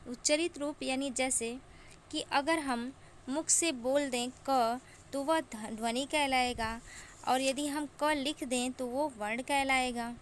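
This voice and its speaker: A woman teaching an exam-prep grammar lesson, defining terms and drawing out each example slowly and deliberately. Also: sits high, steady tone, a little hiss or hum.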